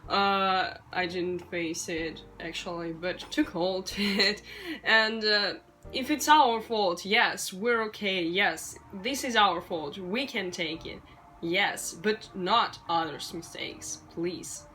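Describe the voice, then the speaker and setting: Slow-talking frustrated young woman venting. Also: medium pitch, sharp tone, a little hiss or hum, low-quality recording. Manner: frustrated, blunt, swears freely, slow with many fillers. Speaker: vlogger, waitress. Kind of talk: casual ranting vlog.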